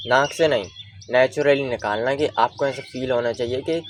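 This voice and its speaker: A man's voice: medium pitch, fairly even intonation, normal speed, a little hiss or hum. A young man giving a casual spoken lesson on voice and breathing, explaining patiently and checking that listeners follow. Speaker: voice coach.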